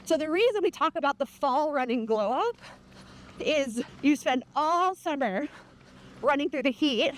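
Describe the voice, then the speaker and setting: A woman chatting casually and candidly while running in the heat, playful and quick to swear. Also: sits high, a little hiss or hum.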